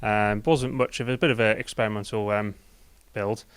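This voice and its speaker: A man's voice: lowish voice, steady tone, normal speed, clean tone, no room sound. A middle-aged man giving plain-spoken interview answers as a team captain.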